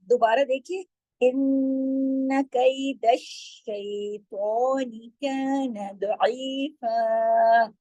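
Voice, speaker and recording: A woman teaching tajweed, explaining patiently and drawing out syllables slowly when she demonstrates. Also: a little high, darkish tone, no room sound, rough recording. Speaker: Quran recitation teacher.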